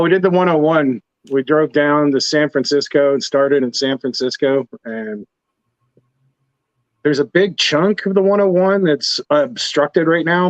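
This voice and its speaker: A man joining a casual chat by video call, talking through a muffled, underwater-sounding laptop mic in a relaxed, rambling way. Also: on the high side, dry recording. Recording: dull, dry lo-fi laptop mic over a call.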